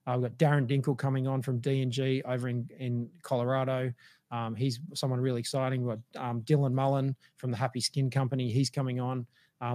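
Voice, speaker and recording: A man hosts a business livestream, talking in a flat, even tone. He loops through fillers and restarts, and his voice is wearing thin. The sound is dry and close. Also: mid-range voice, no echo. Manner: rambling, with many fillers and restarts. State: losing his voice. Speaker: livestream host. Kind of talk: casual business livestream talk.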